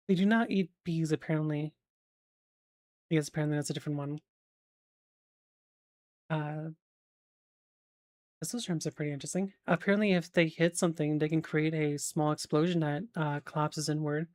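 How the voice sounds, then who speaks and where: A woman's voice: low voice, a little mellow. A woman streamer chatting casually, rambling with lots of fillers and the odd swear, checking facts aloud as she goes.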